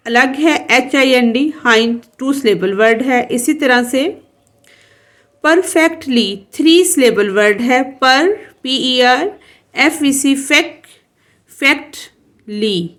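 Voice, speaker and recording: A woman teaches a textbook lesson, reading each English line with deliberate care before explaining it. Her voice sits a little high, and she moves at a very slow, patient pace, spelling words out letter by letter. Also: a bit bright.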